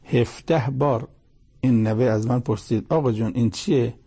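Preacher doing an old father in a sermon story, tender and reproachful, raspy and gravelly. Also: mid-range voice, dark tone. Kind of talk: story told within a sermon.

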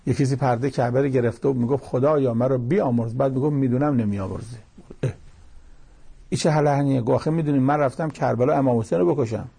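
A man's voice: medium pitch, fairly even intonation, vocal fry, dark tone, breathy edge. A man giving a religious lecture, explaining verses in a plain conversational teaching manner with quoted asides. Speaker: cleric.

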